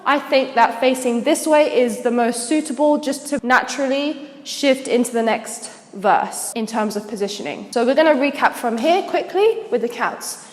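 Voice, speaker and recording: A woman's voice: on the high side, normal speed, few pauses, echoey room, big-room sound. A woman teaching a dance routine step by step, explaining each move and counting the beats aloud as she demonstrates. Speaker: dance instructor.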